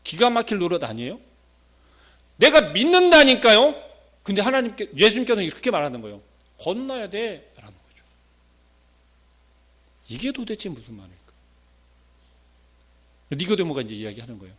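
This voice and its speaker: A man preaching a sermon, asking the congregation rhetorical questions and swinging between loud emphasis and hushed asides. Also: high voice, very animated, brisk, pauses often, breathy edge. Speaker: pastor.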